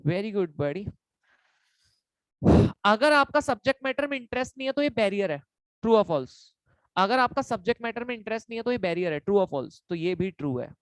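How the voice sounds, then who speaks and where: A man's voice: high-pitched, animated, normal speed, fairly bright tone, no echo. A man teaching an online exam-prep class as a quiz, playful and teasing, repeating each point and mixing in English. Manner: mixes Hindi and English. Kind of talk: live online lecture quiz.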